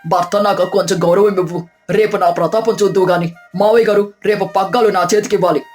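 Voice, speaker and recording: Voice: mid-range voice, fairly even intonation, fairly quick, darkish tone, soft background music, lightly acted. A voice performer playing a boastful young city son-in-law in a storybook tale, bragging and bossy.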